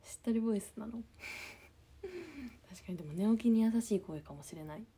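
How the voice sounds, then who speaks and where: Drowsy husky young woman livestreaming. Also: a little fast. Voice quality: husky, a bit low. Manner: just-woken, soft and drowsy, often near-whispered. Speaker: idol livestreamer reading comments. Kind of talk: casual livestream chat.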